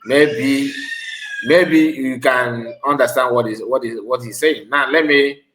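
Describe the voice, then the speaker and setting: A man's voice: medium pitch, slow, a bit bright, echoey room, poor audio. A man with a Nigerian West African accent giving informal, emphatic reaction commentary, repeating phrases for stress. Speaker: online video commentator.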